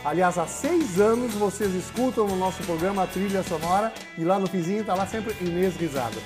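A man's voice: high voice, a little fast, over music. A middle-aged man hosting a TV cooking show, chatting in a jokey, folksy way on a lapel mic. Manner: jokey, explains with folksy asides. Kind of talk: casual TV cooking chat. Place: rustic open-air kitchen set.

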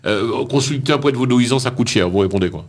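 A man hosting a radio studio interview, asking questions with halting restarts. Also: medium pitch. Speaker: radio show host. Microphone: studio mic with headphones.

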